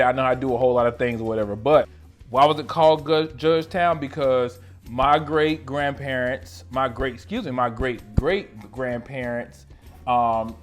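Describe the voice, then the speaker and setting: A man, answering questions about himself in a casual, slangy vlog, talking close to the camera in a small room. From North Carolina, USA. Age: 30s. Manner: playful, slangy, animated, jumps between loud exclamations and low asides. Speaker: esthetician vlogger. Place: small room lit by colored lights. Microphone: camera in front of him at close range.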